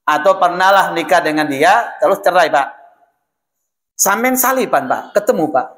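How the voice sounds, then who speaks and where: A man preaching a lively, chatty sermon in a mosque, often addressing listeners directly. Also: sits high, moderate pace. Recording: echoey mosque hall.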